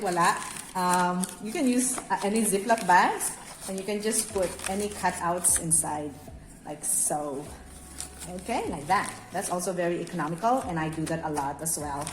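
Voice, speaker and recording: Here the Bacolod-born cake decorating instructor talks at a moderate pace in a mid-range voice, with some background noise in the mix. She walks viewers through a hands-on craft tutorial in her Filipino accent, conversational and instructive, from an echoey indoor room with music behind her.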